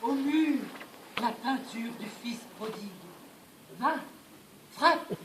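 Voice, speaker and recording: A woman's voice: sits high, takes it slowly. A woman acting a brash, bossy innkeeper who mocks and declaims like a hammy stage actor in a theatrical comedy. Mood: mocking, bossy. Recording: echoey stage recording, faint noise.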